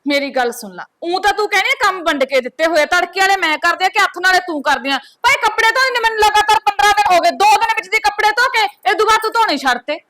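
A quarrelsome young wife, played by a woman, sharp and accusing. Her voice is very high and bright, and she fires off her words quickly. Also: animated, exaggerated voice.

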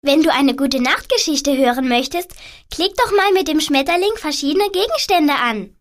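A woman's voice: sits high, animated, normal speed. A woman voicing a friendly game helper who gives the player hints. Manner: instructive, addressing the player. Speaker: game guide. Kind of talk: scripted game instructions.

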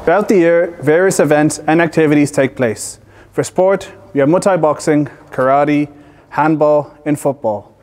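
A man in his thirties with an Irish accent leads a tour as a facilities manager. He talks briskly and in a friendly way, his voice a little higher than most men's. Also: a little mellow, a little hiss or hum. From Ireland. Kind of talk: guided tour talk. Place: indoor centre halls.

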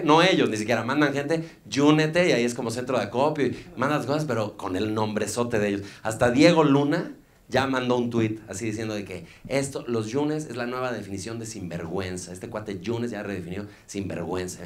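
Brief: Mexican male stand-up comic, mid-pitched, loose slangy delivery, mocking asides, handheld stage mic. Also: fairly quick. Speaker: stand-up comedian. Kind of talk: live stand-up set. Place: comedy club stage.

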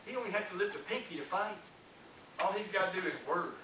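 This is a Pentecostal-style sermon from a middle-aged man whose high-pitched voice moves fast, fervent and rising and falling as he calls for amens. He addresses a small congregation in a church hall, heard from a distant camera with no visible mic, the room echoey and faintly hissing.

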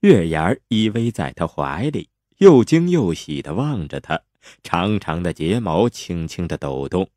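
A man narrating a romance novel with expressive, playful storytelling. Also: sits low, unhurried, dry recording, clean studio sound.

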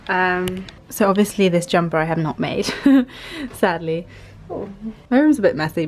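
A young woman in her twenties, a fashion student chatting casually to camera in her bedroom, upbeat and quick to laugh. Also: fairly low pitch. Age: 20s. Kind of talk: casual vlog chat to camera.

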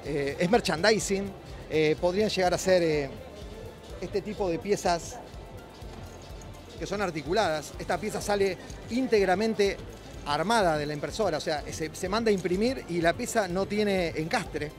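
High-voiced Argentine man explaining at an expo. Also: normal speed, music in the background. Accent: Rioplatense Spanish. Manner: explanatory, many hesitations and restarts. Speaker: company director. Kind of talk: trade-show interview. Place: busy indoor expo hall. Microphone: handheld mic held by interviewer.

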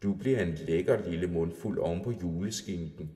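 A big old troll king, as a man puts him on growls and teases in a deep, mellow voice in a storybook tale. He is gruff and jolly, full of booming laughter. The reading echoes in a roomy space with a long tail. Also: lightly acted. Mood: teasing. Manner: booming belly laughs, teasing. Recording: roomy reverberant room.

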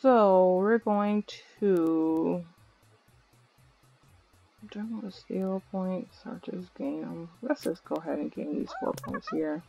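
A young woman talks through her game at an unhurried pace, her voice carrying a gravelly fry. She is playful and dramatic, chanting and squealing as she plays. The sound is muffled and dull, with faint music underneath. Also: on the low side, expressive. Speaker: gaming video host. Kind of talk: let's play commentary.

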